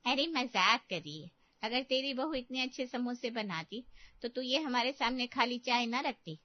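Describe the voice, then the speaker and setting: A woman's voice: on the high side, no echo, close to an everyday voice. A woman playing a chatty middle-aged female friend from the old neighbourhood in a cartoon story. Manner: chatty, reminiscing. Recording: dull, dry lo-fi.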